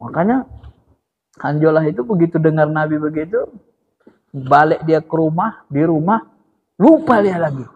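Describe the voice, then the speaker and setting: A man preaching a lively sermon to a study gathering, often turning to his listeners directly. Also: a little high, normal speed, pauses often, slightly rough. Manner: lively, addresses listeners directly as sir, chants God's name. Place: religious study gathering hall. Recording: echoey hall, dull lo-fi sound.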